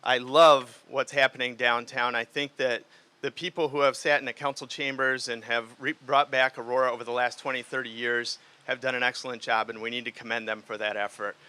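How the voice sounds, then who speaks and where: A man's voice: medium pitch, fairly even intonation, brisk, pushed and bright, clear, resonant tone. A middle-aged man from Liberia giving an earnest, off-the-cuff campaign speech outdoors in the rain. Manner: earnest, speaks off the cuff with fillers. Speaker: mayoral candidate.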